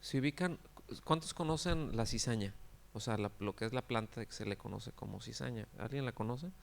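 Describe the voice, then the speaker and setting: Male pastor, mid-pitched, chatty preaching that keeps checking in with the congregation. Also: fairly quick, gravelly. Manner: conversational preaching, frequent rhetorical questions; acts out quoted characters with exaggerated cries. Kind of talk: sermon.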